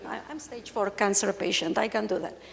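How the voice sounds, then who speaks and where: A patient speaker, an Argentine woman in her forties who grew up speaking Spanish, presents at a conference on a large hall's stage, candid and joking in her Argentine accent. Her medium-pitched voice is brisk, a bit bright, and has vocal fry, and the recording carries long reverb.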